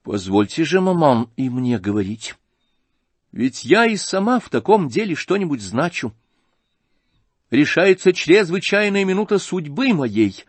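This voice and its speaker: A man's voice: on the high side, sing-song, a little slow, husky, no echo, voice pushed up, exaggerated voice. A male reader voicing a proud, mocking young noblewoman in an audiobook, questioning haughtily and pointedly. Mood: haughty.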